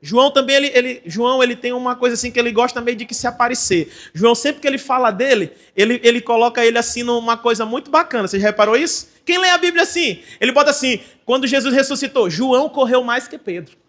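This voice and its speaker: A male pastor with a Brazilian Portuguese accent preaching a sermon, excitable and given to shouting as he preaches. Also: very high-pitched, fast, few pauses.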